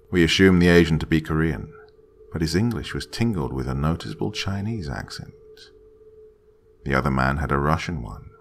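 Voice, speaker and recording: A man with a deep, gravelly voice reads a horror story aloud, slow and dramatic, sinking into hushed whispers when the tension rises. It's scripted horror narration.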